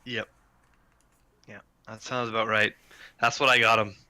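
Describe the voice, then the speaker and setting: A man's voice: on the low side, little pitch movement, measured pace, sharp tone. A man playing a tabletop game in casual chat, reacting enthusiastically. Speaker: player.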